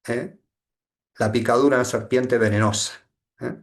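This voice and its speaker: A man's voice: mid-range voice, fairly even intonation, normal speed. Reflective Argentine spiritual teacher, man. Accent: Argentine Spanish. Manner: reflective, hesitant, constant tag questions. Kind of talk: satsang talk with reading.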